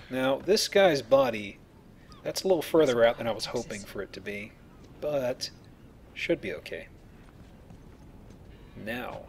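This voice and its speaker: Playing and explaining a video game, this let's player gives relaxed, joking, colloquial commentary. His voice is a man's at medium pitch, and the recording carries a slight hiss or hum.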